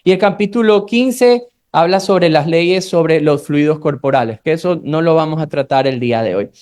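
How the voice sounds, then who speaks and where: Guayaquil-accented preacher, unhurried scripture reading. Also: mid-range voice, darkish tone. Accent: Guayaquil Ecuadorian Spanish. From Ecuador. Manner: slows down when reading scripture aloud, conversational asides to the congregation. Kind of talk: sermon Bible study.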